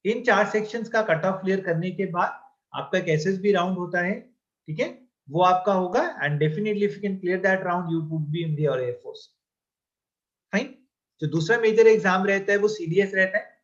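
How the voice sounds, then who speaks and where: In a lo-fi recording, a male exam-coaching teacher lectures unhurriedly in a high voice, switching between Hindi and English. He often checks in with the class and fondly addresses his students as "beta."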